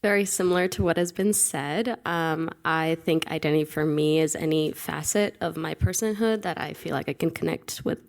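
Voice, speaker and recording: A woman's voice: low voice, moderate pace, hardly any pauses. A young woman, a senior student on a panel, speaking articulately about herself and her studies. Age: young adult. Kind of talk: panel discussion answers.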